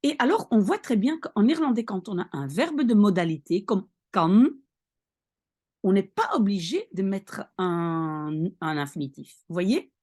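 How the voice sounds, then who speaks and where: In an online lesson, a female language teacher works through vocabulary, reading each phrase slowly, translating it, and often asking "d'accord?" as she patiently explains. Her voice is medium in pitch, slightly mellow, and swings widely up and down.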